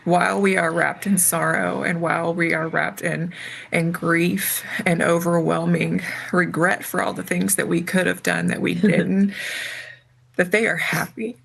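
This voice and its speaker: A woman, grieving and close to tears, speaking slowly and haltingly in an emotional interview. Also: on the low side, level tone, fairly bright tone. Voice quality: gravelly, husky. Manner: slow, halting, faith-filled testimony. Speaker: interviewee, bereaved mother.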